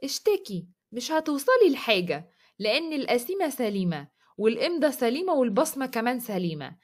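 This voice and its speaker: Storybook role: a woman voicing an arrogant domineering man, Egyptian Arabic, scornful commands delivered quickly. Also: a little high, very animated. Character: arrogant cruel young man, domineering husband.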